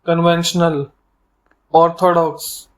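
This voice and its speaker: A man's voice: on the high side, flat delivery, slow. A man teaching English vocabulary, explaining each word step by step with everyday examples. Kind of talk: vocabulary lesson.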